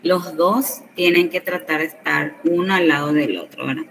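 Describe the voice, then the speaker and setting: Checking understanding with frequent tag questions, a woman teaching Guarani takes her class slowly through a lesson. She has a low-sitting voice with vocal fry, and the distant recording carries faint background noise.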